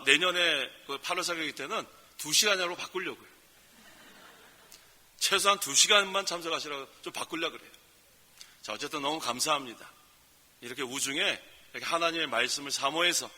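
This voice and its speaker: Bright-voiced pastor preaching in a hall. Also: male voice, a little high. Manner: emphatic, folksy preaching with rising exclamations. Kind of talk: sermon. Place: prayer retreat center hall.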